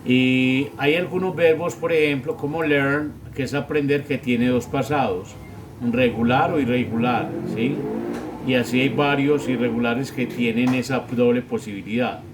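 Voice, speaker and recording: A man giving a grammar lesson as a teacher, explaining step by step and often checking with a quick question. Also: mid-range voice, fairly even intonation, background noise. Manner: slow, patient, checks with "¿sí?". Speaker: English teacher.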